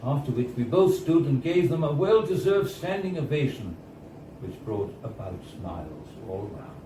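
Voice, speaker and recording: At a live reading inside a bar, a man with an ordinary mid-pitched, dark-toned voice reads a short story in a measured, wistful, sing-song way, pausing deliberately. The recording sounds distant and roomy, with clear background noise and room ambience.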